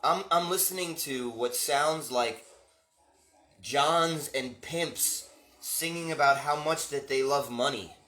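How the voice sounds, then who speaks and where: A vlogger rambles wryly through a monologue indoors, as though talking to himself. His voice is fairly high, slow, bright, and forceful, and the recording carries a roomy echo.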